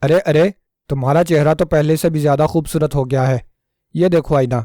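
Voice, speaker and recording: Man doing a sly storybook trickster, melodramatic and pleading; slightly high, mellow. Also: steady tone, dry recording, studio quality, natural voice. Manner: pleading, theatrical self-pity. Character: cunning scheming male trickster, melodramatic.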